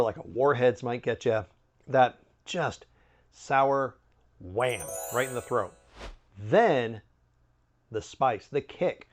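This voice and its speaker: A man giving a casual, chatty snack review with wry, joking asides. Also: mid-range voice.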